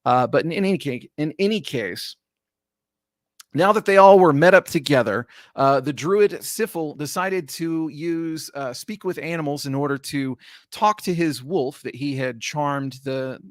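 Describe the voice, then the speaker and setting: Man, game master recapping a session; a little high-pitched, dry sound, rambling and self-correcting. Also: unhurried, dry recording. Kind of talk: casual campaign recap narration.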